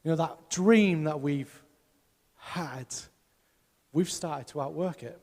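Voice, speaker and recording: Slow, emphatic pastor in a reverberant hall. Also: male voice, on the high side, a little mellow. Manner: emphatic, asks the congregation rhetorical questions. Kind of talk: sermon. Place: church hall.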